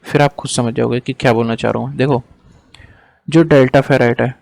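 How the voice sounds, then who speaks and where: A male teacher lecturing casually over a screen diagram, slowly dictating definitions word by word and then explaining more quickly in between, now and then apologizing for hesitating. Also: mid-range voice, steady tone, vocal fry, darkish tone, no echo.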